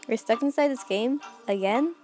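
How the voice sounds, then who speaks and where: A woman's voice: fairly high pitch, normal speed, dark tone, faint music behind, close to an everyday voice. A woman voicing a sensible, mildly sardonic teenage girl in a cartoon, speaking casually. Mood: concerned. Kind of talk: acted cartoon dialogue.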